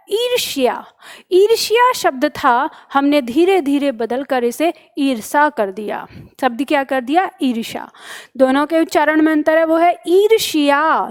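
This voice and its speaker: A young Hindi teacher with a high-sitting voice leads an online exam-prep lesson. She explains step by step and repeats each answer back as a question.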